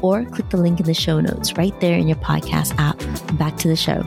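Brief: woman podcast host, lowish voice, smooth, even ad read with music underneath. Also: moderate pace. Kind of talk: scripted ad read and interview. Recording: music bed behind voice.

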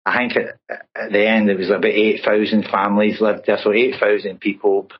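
On lo-fi audio, a Scottish man in his fifties with a Glaswegian accent relates his life story in a chatty interview, peppering it with "right?". His low voice is flat and fairly quick, with a breathy edge.

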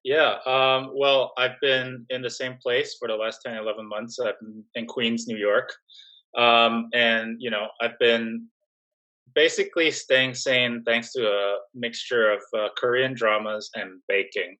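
A young adult man from Singapore, speaking as a guest in a casual interview, relaxed and full of fillers and restarts. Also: mid-range voice, a little slow, highs cut off. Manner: relaxed, many fillers and restarts, laughs softly. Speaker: job-seeking guest.

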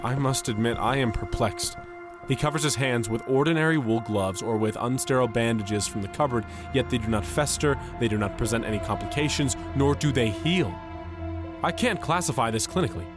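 An actor playing a skeptical, proud doctor in an audio drama, with a brisk, authoritative delivery. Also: male voice, mid-range voice, natural voice. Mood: baffled. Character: skeptical, proud male doctor, irreligious, increasingly baffled. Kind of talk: dramatized audio story acting. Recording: loud music under the voice.

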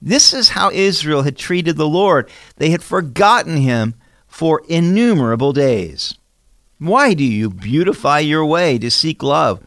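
A man delivers an expository sermon, reading scripture and then explaining it with emphatic rhetorical questions. His voice sits a touch higher than most men's and moves up and down a great deal as he stresses key words. The recording is dry and close, with no room sound. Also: animated, unhurried, fairly bright tone, no room sound. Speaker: Bible teacher.

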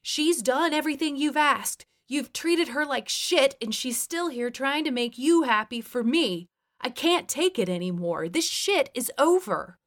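A woman's voice: high-pitched, expressive, a little slow, voice pushed up. Woman voicing a firm young husband. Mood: angry. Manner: forceful, firm. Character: fed-up grown son, a young husband.

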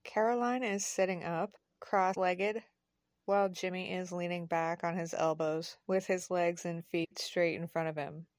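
A woman narrating a scripted audio drama in a calm, measured storytelling manner. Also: on the low side, no room sound, clean studio sound.

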